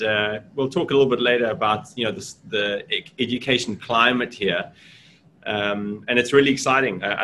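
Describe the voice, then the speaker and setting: Interviewed casually over a webcam from a small room, this middle-aged school deputy principal from South Africa is earnest and reflective, his speech full of fillers. His voice is on the low side and fairly bright, with slight noise behind it.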